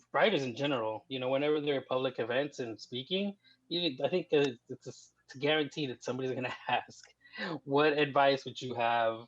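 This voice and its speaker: A Mexican man in his thirties, a writer appearing as a podcast guest, rambles along at an easy pace in a casual interview, filling his talk with fillers. His mid-range voice comes through a muffled, dry, lo-fi recording with no room sound.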